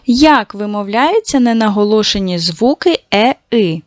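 A woman with a medium-pitched, lively voice teaches a recorded lesson to young schoolchildren, with no echo. Patient and encouraging, she speaks to the children directly, praises them, and slowly stretches out sounds to show how they are pronounced.

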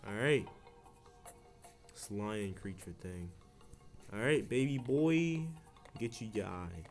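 A man's voice: fairly low pitch, animated, slow pace. A man giving casual commentary while he plays a video game. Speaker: gamer playing and commenting. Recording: game music behind the voice.

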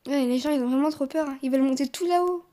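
High-voiced excitable young woman gamer. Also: fast. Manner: animated, squealing and laughing often. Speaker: gaming YouTuber. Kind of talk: excited let's-play commentary.

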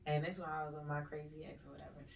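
A woman's voice: deep voice, level tone, very fast, creaky, background noise. A woman co-hosting a casual podcast, telling a story in blunt, slangy talk that is full of swearing. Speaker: podcast co-host. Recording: echoey room, mic at a distance.

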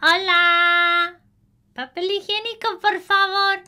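A woman's voice: very high-pitched, flat delivery, takes it slowly, sharp tone, pitched above the performer's own voice, exaggerated voice. A woman voicing an eager, polite little girl. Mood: chirpy. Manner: chirpy and polite.

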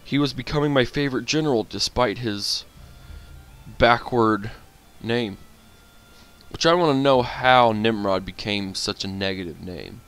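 A man talks through his strategy campaign in a relaxed, offhand way, griping when things go wrong. His voice is smooth and clear, sitting in an ordinary middle register. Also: mid-range voice, unhurried. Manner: grumbling, talks to his units and the enemy. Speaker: gaming channel host. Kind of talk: casual strategy game commentary.

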